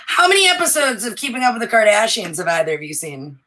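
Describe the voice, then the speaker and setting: Bright-voiced woman chatting casually. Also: on the high side, quick pace, poor audio. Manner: animated, swearing, laughing often. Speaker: podcast co-host. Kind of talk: casual chat.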